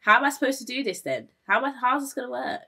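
Easily startled woman streamer, lively pitch. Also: racing, gravelly. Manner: jumpy and easily startled, chatty with viewers. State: a little under the weather. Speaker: gaming streamer. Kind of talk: casual live gameplay commentary.

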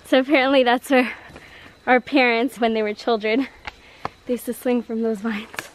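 A woman's voice: fairly high pitch, steady tone, normal speed, a little hiss or hum. A young woman vlogging casually outdoors on a handheld camera, chatty, laughing often and a bit out of breath from walking. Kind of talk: casual vlog narration. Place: outdoors on a rural hillside and dirt road.

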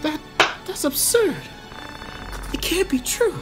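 A player voicing a distressed young princess from a game cutscene in a casual fan voice-over, reading haltingly in a raised put-on pitch. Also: expressive, music in the background, heavily acted. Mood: indignant. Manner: reads lines haltingly, high put-on pitch.

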